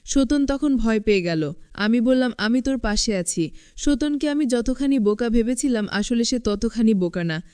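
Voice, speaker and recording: A woman narrating a scripted first-person story in an even storytelling manner. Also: a little high, moderate pace, smooth, dry recording, studio quality.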